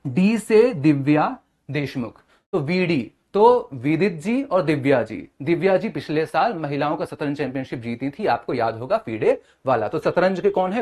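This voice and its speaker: A young male teacher giving an exam-prep lecture, building memory tricks and checking in with short questions. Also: sits high. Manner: mnemonic-heavy, keeps asking "है ना?" and "ठीक है?".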